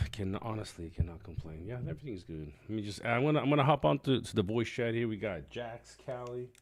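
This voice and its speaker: A man's voice: lowish voice, lively intonation, a little fast, dry recording. A man hosting a casual game livestream, chatty and muttering to himself as he sets things up. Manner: chatty, talks to himself while setting up. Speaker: game streamer host.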